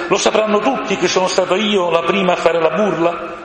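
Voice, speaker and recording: A man voicing a small, impertinent female crow in a storybook reading, high and eager. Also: fairly quick. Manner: high, excited, pleading. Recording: echoey room with long reverb.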